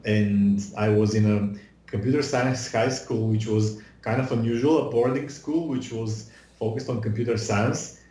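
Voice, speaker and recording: A visual effects artist in his thirties who grew up in Bulgaria chats casually as a guest in a video call interview. His voice is lowish and mellow, full of fillers and restarts, picked up by a webcam mic with roomy echo.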